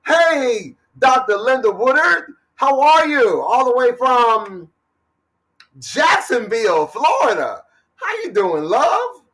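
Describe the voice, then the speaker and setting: A man hosting a lively livestream show, hyping up viewers and calling out their names. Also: very high-pitched, takes it slowly, distant mic, rough recording. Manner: energetic, hypes up viewers, calls out names. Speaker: talk show host.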